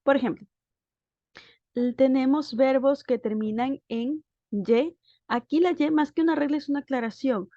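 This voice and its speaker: A woman's voice: high-pitched, normal speed, mellow, dry recording. A woman teacher giving a recorded lesson, explaining step by step with patient checking questions. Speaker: English teacher. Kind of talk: recorded grammar lesson over slides. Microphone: voice-over on a screen recording. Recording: dull, dry lo-fi sound.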